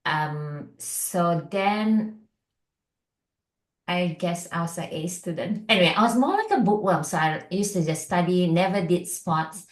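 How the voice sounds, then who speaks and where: Low-voiced Malaysian-born woman, chatty. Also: lively intonation, measured pace, reverberant. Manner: chatty, lots of fillers and likes. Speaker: functional medicine doctor, guest. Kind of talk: casual interview chat.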